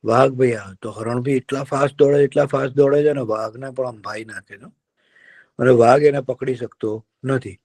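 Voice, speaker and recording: A man telling a folk tale to children in a lively, drawn-out, engaging way. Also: mid-range voice. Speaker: storyteller for children. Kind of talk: children's storytelling.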